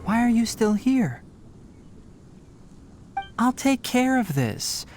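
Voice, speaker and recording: A man voicing a brisk, responsible young forest ranger in a fantasy video game, speaking in an articulate, matter-of-fact, instructive way. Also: very high voice, sing-song, noisy background, exaggerated voice. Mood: firm, concerned.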